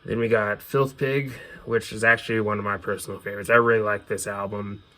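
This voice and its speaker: Poor audio captures a man speaking fairly quickly in a lowish, sharp-toned voice with fairly even intonation. He's showing off his music collection in a casual show-and-tell, with informal, opinionated fan remarks.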